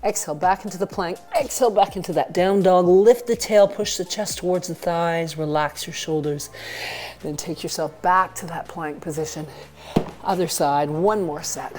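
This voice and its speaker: A woman's voice: fairly low pitch, normal speed, darkish tone. A woman working as a fitness instructor, leading an exercise class with short, encouraging cues and counted repetitions over workout music. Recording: music behind the voice.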